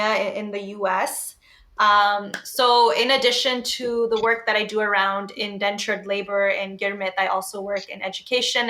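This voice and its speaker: A woman's voice: medium pitch, sharp tone. A young adult woman co-hosting a podcast in a casual, conversational style. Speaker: podcast co-host.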